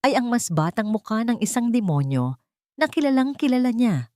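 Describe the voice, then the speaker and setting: Taking on the role of a dramatic storyteller, a Filipino-accented woman reads from a scripted romance. Her fairly high voice swings widely in pitch and has a darkish tone, moving at a moderate pace, captured cleanly and dry in a studio.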